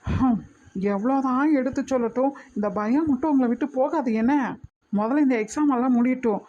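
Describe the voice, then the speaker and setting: A woman voicing a steady young man. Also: sits high, a little fast, muffled recording, slight background noise, lightly acted. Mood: pleading, exasperated. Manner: patient, reasoning, gently scolding. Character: calm protective young man, a medical student. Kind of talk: cartoon voice acting.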